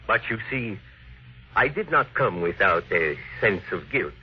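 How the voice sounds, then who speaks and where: Solemn, resentful foreign engineer, 1950s radio drama. Low, rough-edged voice, formal delivery, muffled vintage recording. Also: male voice, very animated, measured pace, full character voice. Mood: solemn, restrained. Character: grave, resentful foreign electronics engineer bent on justice.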